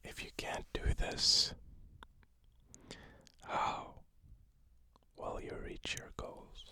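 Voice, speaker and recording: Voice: very slow, bright, forceful tone. A person whispering an ASMR pep talk of positive affirmations, repeating short phrases. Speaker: ASMR host.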